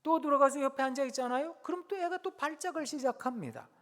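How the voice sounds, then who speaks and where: A male guest preacher giving a conversational, gently humorous sermon and acting out quoted speech. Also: very high voice, quick pace. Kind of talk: sermon at an evening worship service. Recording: long reverb of a church hall.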